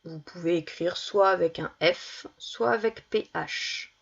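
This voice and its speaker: A woman teaching young children, reading words slowly and clearly and stressing each one as she goes through worksheet exercises. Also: lowish voice, dull audio. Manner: slow, deliberate, stresses each word. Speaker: primary school teacher.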